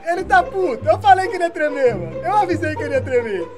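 A Brazilian woman calls her football video game match live, taunting and swearing as she plays. Her voice sits high and swings widely in pitch. Music runs clearly underneath her. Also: fast talker. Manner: excitable, taunting, swears often. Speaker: gaming streamer.

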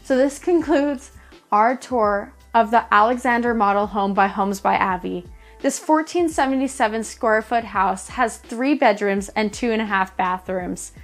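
An upbeat woman with a slightly high voice hosts a house tour, describing the rooms as she walks through an empty, furnished show home. It's a friendly real estate walkthrough delivered presenter-style. Faint background music plays beneath her voice.

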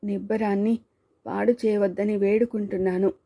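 A quiet, self-blaming man who pleads in a low, subdued voice, as a woman reads him for a storybook. The tone is very dark and mellow and stays flat, with little rise and fall. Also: normal speed, vocal fry. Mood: pleading.

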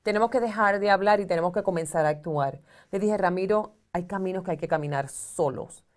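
A woman's voice: lowish voice, fairly quick. A middle-aged woman speaking earnestly as a guest on a studio advice talk show, counseling and explaining in a conversational way. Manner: earnest, counseling, gestures widely while explaining. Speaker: social communicator guest. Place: studio set in armchair.

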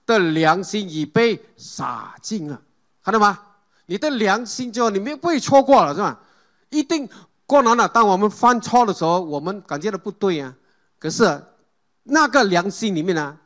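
A man's voice: high-pitched, animated, moderate pace. A man preaching a sermon, calling out Amen and Hallelujah and putting questions to the congregation. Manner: asks the congregation questions and leads group reading.

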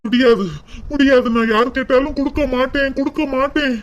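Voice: sits high, fairly even intonation, fairly quick, muffled recording, slight background noise, close to an everyday voice. A performer voicing a meek old male beggar in a cartoon, whining and pleading. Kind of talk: cartoon voice acting.

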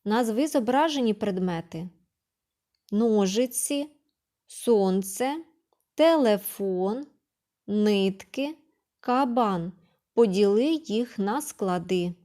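A woman's voice: mid-range voice, expressive, takes it slowly, pauses often, warm tone. A woman kindergarten teacher giving a remote literacy lesson to preschoolers, patiently asking questions, answering them herself and sounding out words syllable by syllable.

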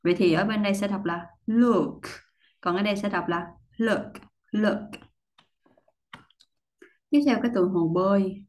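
A woman teaching English pronunciation, explaining patiently step by step and repeating model words, often clearing her throat. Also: medium pitch, steady tone, moderate pace, pauses often, a little mellow. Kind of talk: pronunciation lesson.

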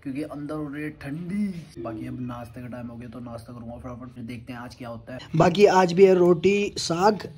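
A young man chatting casually in a home vlog, lively and laughing often. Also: medium pitch, brisk, few pauses. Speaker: vlogger. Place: home rooftop, outdoors. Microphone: phone held by hand.

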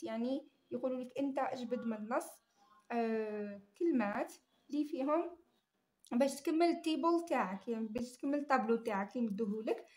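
High-voiced Algerian woman teaching English. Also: darkish tone. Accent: Algerian Arabic. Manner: reads English prompts slowly, then explains in Algerian Arabic. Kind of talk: exam-prep lesson.

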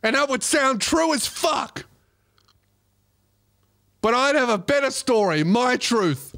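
Man, high-pitched, bright tense voice, profane self-mocking comedy storytelling. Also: expressive, slow, gravelly. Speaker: comedian host.

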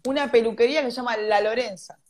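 A woman's voice: on the high side, fast, darkish tone. An Argentine woman co-hosting a casual comedic chat, teasing and playfully scolding in mock-formal tones. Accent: Argentine Spanish. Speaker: podcast co-host.

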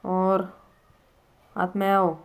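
A man's voice: high voice, monotone, very slow, smooth. A man hosting his gaming channel, giving jumpy let's-play commentary on a horror game, often yelping in fright and talking to viewers.

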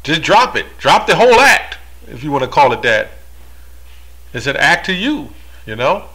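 A man's voice: a little high, big pitch swings, normal speed, sharp tone, slightly rough. A man reading Bible verses aloud and explaining them in a monologue, with rhetorical asides. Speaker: religious commentator.

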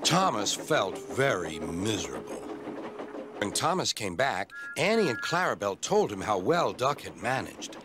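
Expressive male storybook narrator. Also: fairly low pitch, measured pace. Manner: expressive, acts out every character. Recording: music playing under the voice. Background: music.

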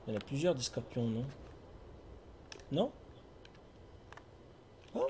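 A man's voice: medium pitch, sing-song, slow pace, dark tone, a little hiss or hum. A man giving casual running commentary while playing a video game, chatting with viewers and humming to himself. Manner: chatty, talks to himself and chat, hums tunes.

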